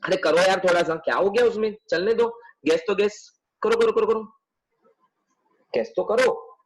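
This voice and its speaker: Online tutor, young man, high voice, chatty and teasing. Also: steady tone, moderate pace, rough recording. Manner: chatty, teasing, coaxing students. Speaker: commerce tutor. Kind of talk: live online class.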